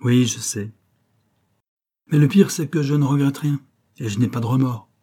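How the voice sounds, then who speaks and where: A man's voice: mid-range voice, moderate pace, warm tone, breathy edge, natural voice. A man reading an audiobook and voicing a doctor who defends himself, pleading and combative. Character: Louis, doctor defending himself, moody and stubborn.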